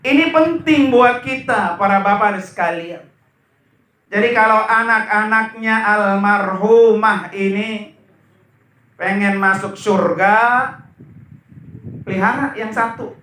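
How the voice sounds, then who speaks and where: A man preaching at a memorial gathering, slow and emphatic, asking his listeners questions. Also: high voice, pushed and bright, a little hiss or hum. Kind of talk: sermon. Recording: echoey room, voice from far off.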